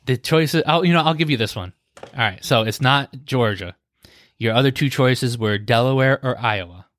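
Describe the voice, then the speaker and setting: A man's voice: mid-range voice, moderate pace, fairly bright tone. A man hosting a podcast, reading food quiz questions in a game-show manner and often laughing. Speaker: podcast host, quizmaster.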